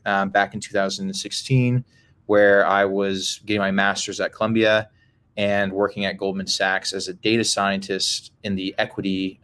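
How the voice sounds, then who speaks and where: Man, from Brazil, interview guest, low voice, measured, casual chat. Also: a bit bright. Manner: measured, many "um" and "you know" fillers. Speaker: interview guest, game creator.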